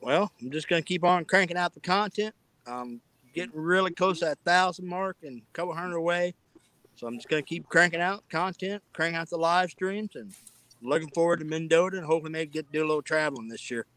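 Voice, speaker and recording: A man's voice: fairly high pitch, fairly quick, a bit bright, no echo. A man speaking as a guest on a live stream, easygoing and plain-spoken. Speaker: guest channel creator. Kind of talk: casual live stream chat.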